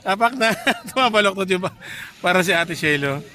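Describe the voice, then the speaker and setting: Casual beach vlogger, man, chatty and warm with a baby, slightly high voice, on a handheld camera with surf noise behind. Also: normal speed. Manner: chatty, coos and teases a baby in a lifted voice. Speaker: travel vlogger. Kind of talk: casual vlog narration. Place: beach outdoors at sunset. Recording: outdoor noise from waves and wind. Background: sea and surf noise.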